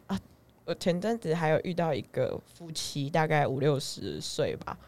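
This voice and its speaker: A woman's voice: low voice, moderate pace. A woman with a Taiwanese Mandarin accent, hosting a casual podcast and telling stories with frequent giggles. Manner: giggly, lively storyteller. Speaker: podcast host. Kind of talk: casual chat.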